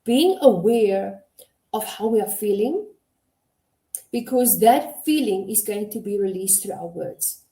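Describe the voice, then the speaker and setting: A middle-aged woman gives a motivational talk on communication. Her voice is mellow and relaxed, and she paces her points deliberately. The sound carries a noticeable room echo. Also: medium pitch. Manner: measured, deliberate, stresses key words. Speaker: host and communication coach. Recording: echoey room.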